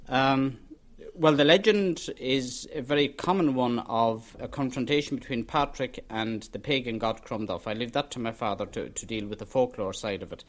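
A man's voice: mid-range voice, moderate pace. A man speaking as a researcher, explaining an investigation in an interview.

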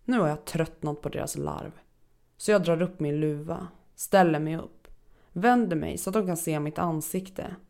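A woman narrating a first-person horror story in a steady, dark storytelling manner. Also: sits low, vocal fry.

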